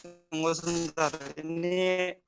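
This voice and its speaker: A man's voice: a little high, little pitch movement, slow pace, over music. A man moderating an online webinar over a headset, his choppy call audio breaking up as he politely checks whether the audience can hear him.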